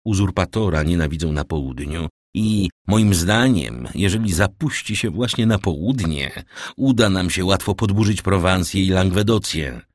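A man's voice: deep voice, animated, normal speed, no echo, clean studio sound. A man voicing a deferential male magistrate who speaks earnestly and respectfully to the king. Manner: bowing, deferential.

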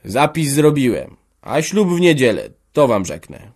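A man voicing a domineering old peasant farmer who shouts scornful threats at his family. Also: mid-range voice, sing-song, measured pace, voice pushed up. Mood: angry shouting.

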